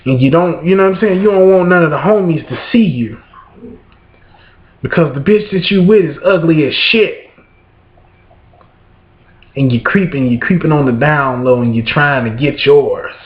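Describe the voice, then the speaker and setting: High-voiced man ranting in an echoey room. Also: moderate pace, long pauses. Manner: rambling, swears constantly, keeps asking "you know what I'm saying". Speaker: vlogger. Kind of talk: profane ranting monologue. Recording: roomy, dull lo-fi room sound.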